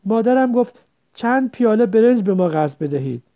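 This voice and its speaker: A man's voice: high voice, expressive, voice pushed up. A man voicing a frightened young village girl who pleads and stammers. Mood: pleading. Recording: dull lo-fi recording.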